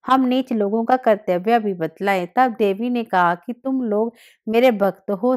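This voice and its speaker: Female narrator, mid-pitched, steady recitation of devotional scripture. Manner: steady recitation with occasional slips and restarts.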